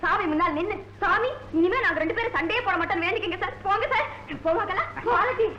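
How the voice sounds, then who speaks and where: An actress playing a quick-witted young woman tenant in a 1970s film comedy, talking persuasively and managing everyone. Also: very high voice, reverberant, muffled recording, very noisy. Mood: coaxing.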